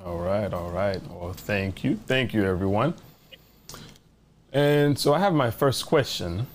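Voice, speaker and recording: A man's voice: on the low side, animated, a little slow, slight background noise. A man hosting a panel discussion over a video call, making brief, welcoming introductions. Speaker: host. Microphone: video call webcam.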